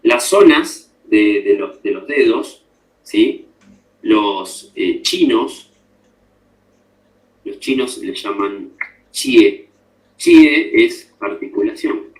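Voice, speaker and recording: An instructor gives a classroom lecture in an echoey room, explaining step by step and checking understanding with frequent tag questions. His voice is on the low side and animated, and he speaks extremely slowly with frequent pauses.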